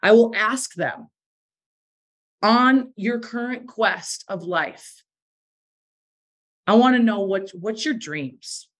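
A woman's voice: mid-range voice, slow, pauses often, husky. A woman giving a motivational talk to a sales team, emphatic and repeating phrases for effect, with a bit of morning voice. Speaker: direct sales team leader.

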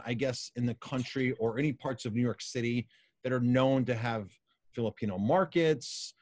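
A middle-aged man with an American accent hosts a casual interview. His voice is medium in pitch and recorded dry, without room sound. He talks effusively and at length. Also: a little mellow, no room sound. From Colorado, United States. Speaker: interview host.

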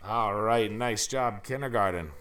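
A woman's voice: extremely low pitch, unhurried, a bit bright. A woman on school staff making school intercom announcements, prompting and instructing young pupils. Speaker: school staff member leading morning announcements.

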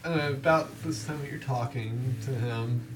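A man narrating as game master of a tabletop game, loose and relaxed, with lots of fillers. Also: medium pitch, unhurried, very noisy. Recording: distant mic with background music.

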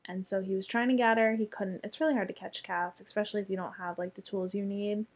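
A woman's voice: mid-range voice, fairly even intonation, fast talker, slightly rough. A young woman telling a story in casual chat, chatty and full of fillers, with casual swearing.

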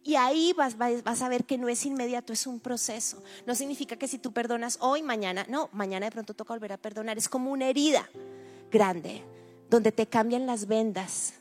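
A woman's voice: a little high, fairly quick, faint music behind. Woman pastor preaching. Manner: expressive, acts out quoted prayers in a hushed voice. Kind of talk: sermon. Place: church with several campuses.

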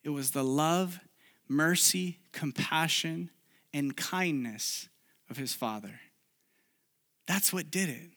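A man's voice: on the high side, takes it slowly, long pauses, a bit bright. A man who grew up in Chile, preaching a sermon and sharing his own story in an earnest, confessional way with frequent restarts. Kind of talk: sermon with personal testimony.

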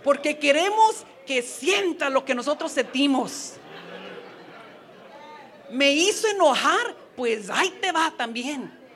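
A woman's voice: high-pitched, lively intonation, slow pace, fairly bright tone, a faint crowd. A woman preaching a sermon to wives, earnest and advising, with playful asides. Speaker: women's ministry speaker.

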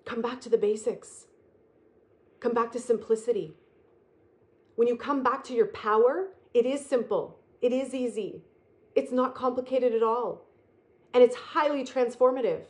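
A woman giving an earnest spiritual talk, repeating phrases and slowing down to stress key words. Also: a little high. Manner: earnest, repetitive, emphatic and slow on key phrases. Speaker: spiritual speaker.

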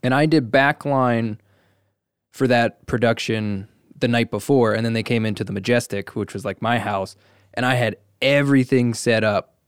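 A man's voice: medium pitch, normal speed, clean tone, no echo, studio quality. Casual man saying like a lot. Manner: casual, heavy use of like. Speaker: podcast host and audio tech. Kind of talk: casual podcast conversation.

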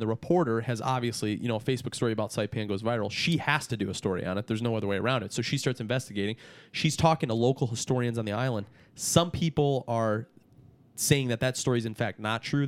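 A man's voice: mid-range voice, quick pace. A man chatting casually on a podcast as a guest, peppering his talk with "dude". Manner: casual, says dude a lot.

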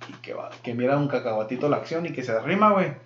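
A man's voice: mid-range voice, animated, quick pace, slight background noise. A man with a Mexican Spanish accent casually telling crude jokes full of slang. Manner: crude slangy storytelling, bursts of loud laughter. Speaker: podcast co-host telling jokes. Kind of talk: casual joke-telling chat. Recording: roomy, dull lo-fi sound.

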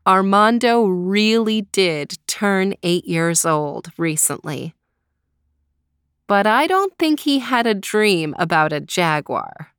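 A middle-aged woman calmly reading a children's story aloud in a gentle, drawn-out way. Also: medium pitch, clear, resonant tone, dry recording, clean studio sound.

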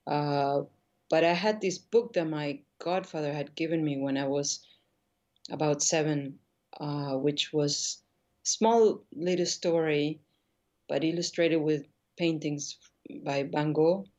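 A woman's voice: low voice, slow, a little mellow, dull audio. A middle-aged woman from Argentina, a painter being interviewed, talking in a thoughtful, hesitant way with many restarts. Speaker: guest painter. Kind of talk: casual interview conversation.

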